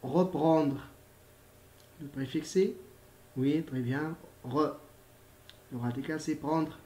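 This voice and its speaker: A male primary school teacher giving a recorded grammar lesson, patiently repeating himself, spelling out letters and filling pauses with hesitations. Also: fairly high pitch, fairly even intonation, warm tone. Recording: echoey room.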